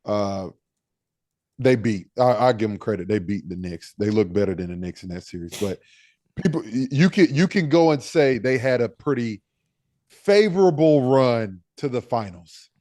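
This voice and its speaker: A man's voice: mid-range voice, lively intonation, normal speed, warm tone, dry recording, clean studio sound. A man co-hosting a podcast, talking basketball in a laid-back way and thinking aloud with fillers. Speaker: podcast co-host. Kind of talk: casual sports talk.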